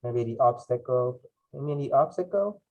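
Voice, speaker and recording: A man's voice: medium pitch, animated, moderate pace, darkish tone, rough recording. A man, hosting a casual online chat and prompting his guest with questions. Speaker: host.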